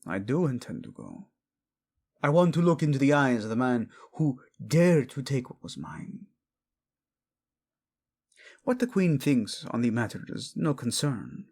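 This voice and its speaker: A man plays a proud, vengeful young king fiercely protective of his wife in a dramatic romance audio roleplay. His mid-range, darkish voice swings widely in pitch at a measured pace with long pauses. Cold and vengeful, he is brooding and commanding, yet tender in endearments.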